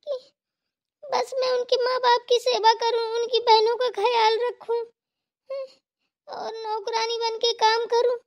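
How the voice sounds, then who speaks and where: A woman voicing a gentle young wife who consoles and rambles about her complaints, in a cartoon. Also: very high voice, creaky, exaggerated voice. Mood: complaining. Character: gentle young wife, bhabhi, soothing and chatty. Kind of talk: cartoon voice acting.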